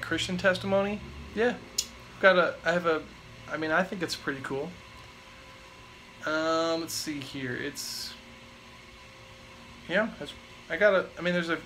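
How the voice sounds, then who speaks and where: A man in his twenties, a vlogger, rambles casually through questions from his live chat, relaxed and using lots of fillers. His voice is a little high, and the poor audio carries some hiss or hum.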